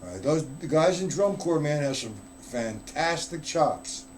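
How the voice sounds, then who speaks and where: On a live stream, a drum teacher talks through rudiments loosely and conversationally while fielding viewer questions from the chat. His voice is on the high side and animated but unhurried, and there's slight background noise.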